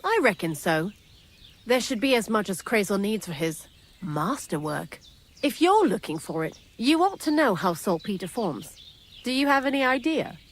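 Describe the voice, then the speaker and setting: A woman's voice: mid-range voice, big pitch swings, moderate pace. An actress voicing a talkative, sardonic young female thief in video game dialogue. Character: chatty, wry young female thief hiding out. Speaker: miller's thief accomplice in a game.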